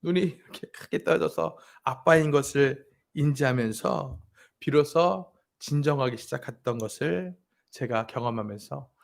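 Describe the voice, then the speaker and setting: A man in his thirties, a pastor, preaches a sermon in a medium-pitched, creaky voice at a slightly slow pace. Speaking directly to the congregation, he tells a family story and acts out the voice of his crying daughter.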